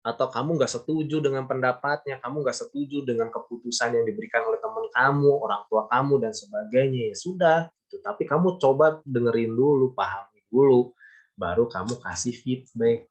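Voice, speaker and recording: Brief: a male teacher, easygoing and emphatic, repeating key points to students in a mid-pitched voice. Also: a little fast, muffled recording. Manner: chatty, repetitive, emphatic, gives everyday examples. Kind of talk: casual classroom lesson.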